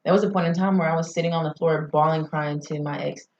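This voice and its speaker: A woman's voice: sits low, steady tone, fast talker, noisy background. A woman from Arkansas, a guest on a podcast, talking in a reflective, rambling, casual way. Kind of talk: casual chat. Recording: roomy, slightly muffled podcast audio.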